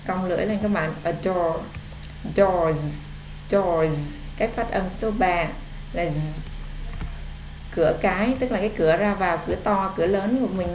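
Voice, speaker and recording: A woman English tutor speaks at an unhurried, deliberate pace, stretching out each model word before explaining it. Her voice carries in an echoey room with faint noise behind it. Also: fairly low pitch, darkish tone. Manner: slow, drawn-out model pronunciation alternating with explanation. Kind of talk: online English vocabulary lesson.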